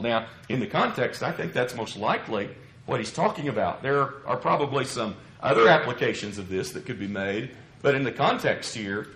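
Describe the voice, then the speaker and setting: Echoes fill the recording of this sermon, given from a church pulpit in a large indoor space. The preacher, a man with a medium-pitched, fairly bright tone, speaks in a measured, earnest, explanatory manner, using rhetorical questions, though a lingering cough has left him slightly scratchy.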